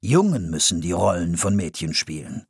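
Eager male playwright, read by a man; lively, husky, coaxing. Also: low voice, moderate pace, no echo, clean studio sound, heavily acted. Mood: regretful. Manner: enthusiastic, coaxing. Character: excitable adult male playwright, eager and persuasive.

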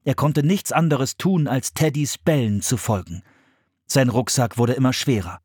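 A man narrating a children's adventure audiobook in a steady storytelling manner. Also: mid-range voice, normal speed, breathy edge, no room sound, studio quality.

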